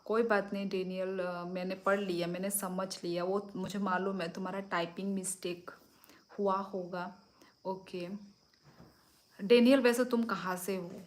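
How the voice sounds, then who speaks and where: Middle-aged woman, unhurried livestream chat, phone mic at home. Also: medium pitch. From Tripura, India. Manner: slow, easygoing, answers viewers one by one. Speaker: livestream host. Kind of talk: casual live chat reading comments. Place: home at night.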